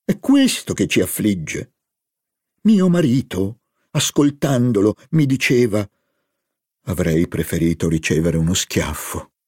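A man's voice: fairly low pitch, sing-song, a little slow, a little mellow, breathy edge, dry recording, studio quality, exaggerated voice. A man reading an audiobook, voicing a scheming older society hostess with a coaxing, theatrical manner. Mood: wheedling.

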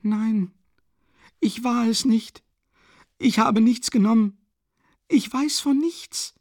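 A timid young woman pleads in anguish in a high, strained voice, as a man performs her in an audiobook. The recording is close and dry. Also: takes it slowly, a little mellow, no room sound. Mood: anguished pleading.

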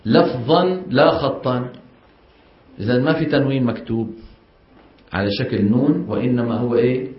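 Levantine man quizzing a class. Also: mid-range voice. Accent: Levantine Arabic. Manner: questions the class often and drills them to repeat. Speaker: Quran recitation teacher. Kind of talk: classroom lecture. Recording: echoey, dull lo-fi classroom recording.

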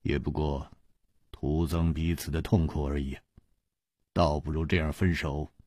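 A man voicing a calm, thoughtful male hero who speaks quietly and in measured phrases. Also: sits low, husky, no echo, clean studio sound, voice pushed down, heavily acted. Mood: pensive.

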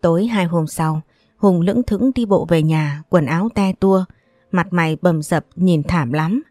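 A woman narrating a family drama in a steady, expressive storytelling reading. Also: on the low side, a little slow, dry recording, clean studio sound, faint music behind.

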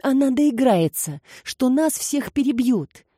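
A woman's voice: expressive, slow, warm tone, slightly rough, no echo, studio quality, full character voice. A woman reading aloud, voicing a frightened, breathless young woman who pleads in a raised voice. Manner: high, pleading and panicky.

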